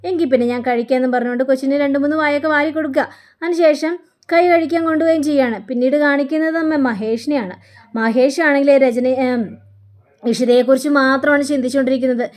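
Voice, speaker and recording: A woman's voice: high voice, steady tone, fast talker. A woman narrating a recap of a TV serial, retelling the episode in a plain, conversational way. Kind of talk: casual story retelling.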